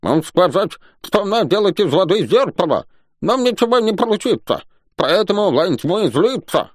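A man voicing a tiny, self-important male creature scout who squeaks his words. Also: very animated, normal speed, dry recording, clean studio sound.

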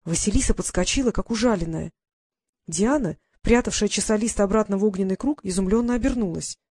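A woman reading an audiobook in a steady, expressive narration. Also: medium pitch, brisk, slightly rough, dry recording.

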